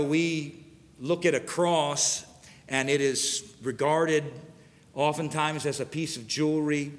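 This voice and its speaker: A pastor preaching an earnest sermon, pausing to read scripture verses aloud to his congregation. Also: a little high, in a large hall.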